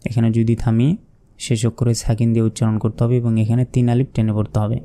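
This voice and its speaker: A man's voice: medium pitch, flat delivery, fast, mellow. A man teaching Quran reading, spelling each word letter by letter with its vowel marks and explaining the rules step by step in a patient, explanatory way. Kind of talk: step-by-step spelling lesson with slow recitation.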